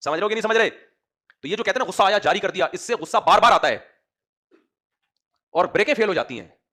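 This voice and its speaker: A man's voice: high voice, expressive, fast, sharp tone. A man giving a sermon as an Islamic preacher, speaking with a rhetorical manner and often addressing his listeners directly.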